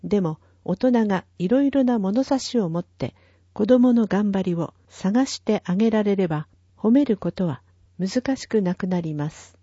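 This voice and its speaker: With lively intonation and a mellow, husky medium-pitched voice, a woman reads the town newsletter aloud at normal speed, taking care to spell out numbers and addresses digit by digit. The recording is dry, dull, and lo-fi.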